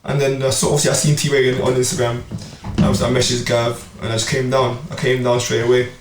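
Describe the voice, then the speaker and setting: A young man who boxes as an amateur and plays at a club tells his boxing story on a casual podcast, talking fast in a mid-range voice. His animated telling is packed with street slang and repetition. The recording sounds roomy, with a distant mic and faint noise.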